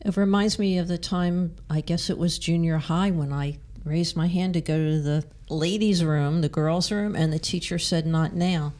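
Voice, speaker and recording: A woman's voice: lowish voice, normal speed, hardly any pauses, dark tone. A woman co-hosting a podcast, chatting casually and laughing often. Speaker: podcast co-host. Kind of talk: casual chat.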